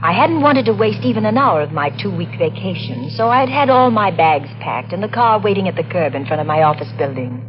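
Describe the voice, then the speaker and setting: A woman's voice: mid-range voice, expressive, a little fast, hardly any pauses, close to an everyday voice. A woman playing a nervous young woman driving alone at night, narrating and speaking in tense 1940s radio drama style. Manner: tense, breathless, first-person narration. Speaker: lead actress and narrator. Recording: dull old radio recording with music.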